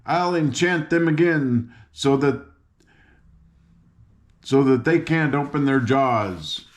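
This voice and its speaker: An older man voicing a bossy, furious little gnome king from a storybook, shouting and blustering. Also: medium pitch, takes it slowly, natural voice. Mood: scheming, irate.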